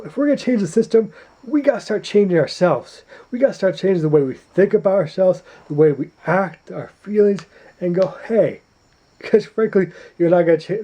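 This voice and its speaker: A man giving a preachy, emphatic political rant to camera at home at night, clearing his throat often. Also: sits high, dark tone, dull audio. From United States. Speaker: YouTuber. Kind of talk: opinionated political vlog rant.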